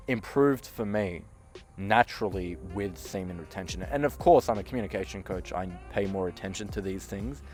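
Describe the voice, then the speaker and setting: Emphatic low-voiced male coach. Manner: emphatic, deliberate, with strong swings in loudness; flat, downward-ending sentence endings. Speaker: communication coach and podcast host. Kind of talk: direct-to-camera motivational monologue.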